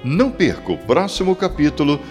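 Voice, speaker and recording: A Brazilian man works as an old radio serial announcer. His scripted delivery is dramatic and suspenseful. Music plays clearly behind his voice. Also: on the high side, sing-song, brisk. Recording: loud music under the voice.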